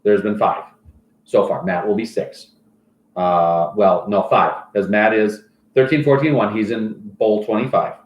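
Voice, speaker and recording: A man's voice: fairly low pitch, fairly even intonation, measured pace. A man acting as a fantasy football league commissioner, reading stats and mock sponsor plugs in casual banter. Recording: roomy echoey room.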